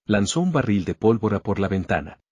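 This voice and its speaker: A man narrating a story recap in a steady, even storytelling manner. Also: on the low side, brisk, slightly rough, dry recording, highs cut off.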